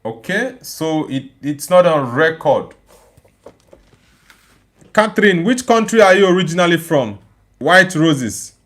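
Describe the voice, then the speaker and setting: A young Nigerian man hosting a live football watchalong speaks slowly with long pauses, his fairly bright, high-leaning voice carrying lively intonation. He reacts to the match and reads viewer comments aloud, chatting casually and repeating himself.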